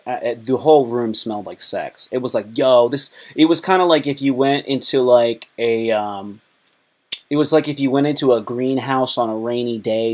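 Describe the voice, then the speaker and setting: A young man live streaming, telling crude, joking stories in a rambling way full of fillers and restarts. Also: mid-range voice. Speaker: live streamer and stand-up comedian. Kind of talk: casual live-stream storytelling.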